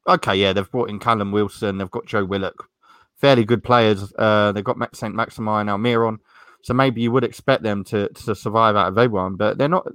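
A man's voice: fairly low pitch, steady tone, fairly quick, fairly bright tone, smooth, no room sound. A man hosting a casual sports chat in a rambling, hesitant way, often repeating himself. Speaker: podcast host.

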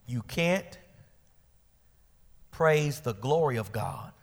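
Preacher with big dynamic swings, hall reverb. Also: male voice, mid-range voice, measured pace. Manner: preaching with rising shouted peaks and quiet drops; colloquial asides. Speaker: pastor. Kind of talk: sermon. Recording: long church hall reverb.

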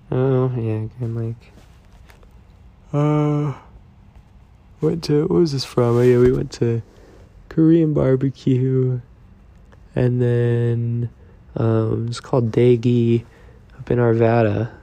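Stoned young guy rambling slow, gravelly and mellow. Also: mid-range voice. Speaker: vlogger. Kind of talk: casual video diary.

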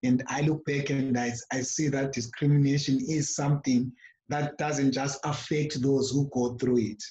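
A man, apparently a pastor, speaking in an earnest, measured and thoughtful way during a conversational interview. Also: mid-range voice, little pitch movement, a little mellow. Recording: echoey, dull lo-fi recording with faint background noise.

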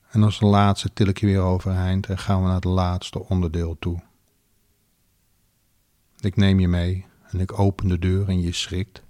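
A man narrating a second-person erotic audio story in a slow, deliberate, commanding way. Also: low voice, darkish tone.

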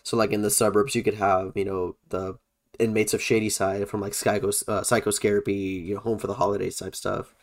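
Male podcast co-host, lower register, animated and chatty. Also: a little fast. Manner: animated, laughing, reads bullet points aloud. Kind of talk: casual chat about a theme park event.

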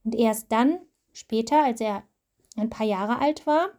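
Woman, mother, storytelling to her child, animated, mellow tone, slightly high voice. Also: unhurried.

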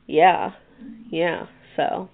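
A woman's voice: lowish voice, steady tone, extremely slow, vocal fry. A woman hosting a podcast, chatting casually and rambling with many restarts. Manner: rambling, with frequent restarts and fillers. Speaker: podcast host. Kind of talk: casual chat. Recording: tinny phone-like sound.

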